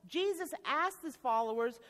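High-voiced woman preaching in a reverberant church. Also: animated, normal speed, fairly bright tone. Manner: storytelling preaching with occasional restarts. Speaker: pastor. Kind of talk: sermon. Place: church sanctuary.

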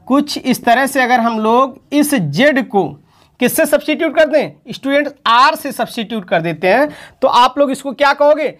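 A woman's voice: sits high, animated, normal speed. A woman chemistry teacher giving an online lesson, calling her students children and repeating each term for emphasis.

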